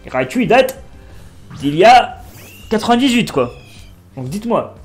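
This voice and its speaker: A man in his twenties giving casual, excitable commentary while playing a video game and talking to his viewers. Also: high-pitched, moderate pace, soft background music. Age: 20s. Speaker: let's play streamer.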